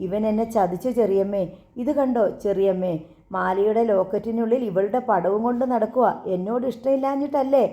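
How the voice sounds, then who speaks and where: A woman's voice: medium pitch, a little fast, warm tone, muffled recording, natural voice. A woman voicing a jealous, childlike young wife who is volatile and tearful, pleading and wailing her accusations, in a storybook reading. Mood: accusing.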